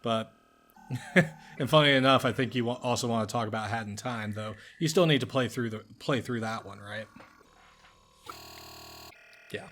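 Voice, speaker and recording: A man's voice: mid-range voice, normal speed, pauses often, a bit bright. Rambling man on a casual podcast. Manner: rambling, heavy use of "like" and filler words. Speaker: podcast co-host. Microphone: podcast microphone.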